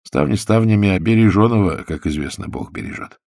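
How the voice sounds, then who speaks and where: A male narrator reads the story with steady, even pacing. His voice is deep and gravelly with some fry. The recording is close and dry. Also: fairly quick, no echo. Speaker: audiobook narrator. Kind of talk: scripted narration.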